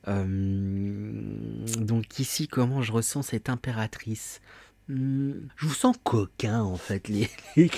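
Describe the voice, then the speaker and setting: A man gives a tarot reading in a low, mellow voice. He talks haltingly, with many fillers and repeated words. The sound is dry and close. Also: dry recording. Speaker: tarot reader.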